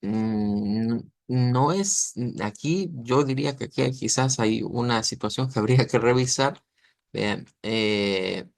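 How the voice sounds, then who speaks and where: Patient gravelly-voiced teacher explaining sounds. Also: male voice, medium pitch, slow, no echo. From Latin America. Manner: patient and explanatory, often checking in with the class. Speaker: language teacher. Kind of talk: online lesson explaining pronunciation.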